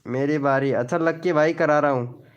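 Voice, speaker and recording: A man's voice: a little high, steady tone, normal speed, clean tone, dull audio. A man hosting a casual live stream at home, greeting viewers and reading the chat aloud. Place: indoors at home, child beside him.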